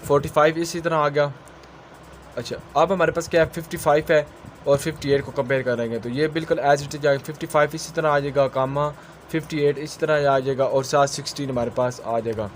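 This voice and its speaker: A man giving a quick exam-revision lecture as a tutor, asking himself a question and answering it at each step, with technical English terms mixed into his speech. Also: fairly high pitch, fairly even intonation, slight background noise.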